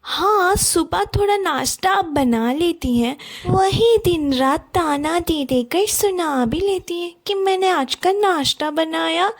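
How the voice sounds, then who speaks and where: A woman voicing a lazy, sharp-tongued young wife in a cartoon, cheeky and complaining, always talking back. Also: very high-pitched, lively intonation, slow, hardly any pauses, exaggerated voice. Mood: sassy. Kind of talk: cartoon voice acting.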